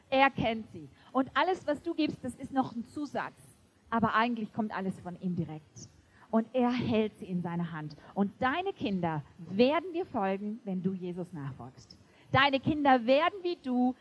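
A woman preaching a sermon to a congregation, emphatic and lively, often laughing. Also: on the high side, slightly rough, poor audio. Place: church before a congregation.

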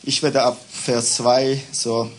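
A man preaching a sermon in German in short bursts for an interpreter, with many fillers, reading scripture aloud slowly. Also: mid-range voice, level tone, slight background noise.

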